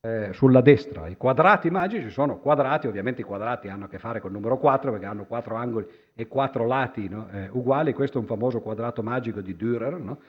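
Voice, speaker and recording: A man gives a public lecture to an audience, his voice sitting at an ordinary middle pitch. He talks in a loose, conversational way, stumbling through fillers and restarts and tacking a questioning "no?" onto nearly every phrase. The recording is dull and lo-fi, as from a conference hall. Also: quick pace, few pauses, breathy edge. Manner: conversational, constantly adds a questioning "no?"; hesitant, with many fillers and restarts.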